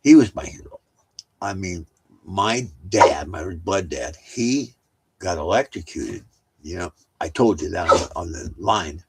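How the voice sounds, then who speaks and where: A man's voice: low voice, animated, a little slow, breathy edge, poor audio. An older man telling family stories at home in a rambling, casual way, with many restarts and side remarks. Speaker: storyteller.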